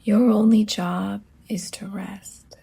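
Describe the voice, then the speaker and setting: A yoga teacher guides a relaxation meditation in a hushed, breathy near-whisper. Her medium-pitched voice stays fairly even as she speaks gently, leaving long pauses between phrases.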